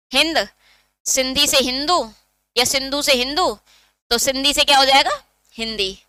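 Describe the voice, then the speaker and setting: A woman's voice: high-pitched, sharp tone, dry recording. A woman teacher giving an exam-prep lesson, explaining step by step and asking her students questions that she answers herself.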